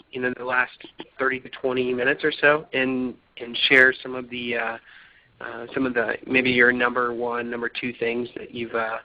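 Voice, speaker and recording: A man hosting a community conference call, talking loosely and upbeat with many fillers and restarts. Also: medium pitch. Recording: slightly dull line with faint noise.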